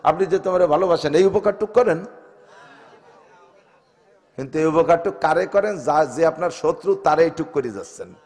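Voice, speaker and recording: A man's voice: on the high side, moderate pace, pauses often, some chatter behind. Preaching man with a Gopalganj Bengali accent. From Bangladesh. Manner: swings from shouted exhortation to soft, joking asides. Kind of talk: Islamic sermon to a congregation. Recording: long hall reverb.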